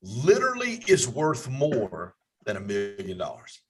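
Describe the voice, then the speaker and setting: A man's voice: medium pitch, huge pitch swings, measured pace, distant mic, music in the background. A man hosting a podcast, asking open questions and affirming his guest in conversational interview style. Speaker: podcast host.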